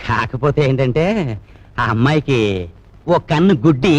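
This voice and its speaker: An actor playing a cheeky, scheming young son-in-law in a film, talking in a teasing, theatrical way. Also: male voice, mid-range voice, moderate pace, no room sound, close to an everyday voice, low-quality recording. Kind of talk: Telugu film dialogue. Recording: film soundtrack with music underneath.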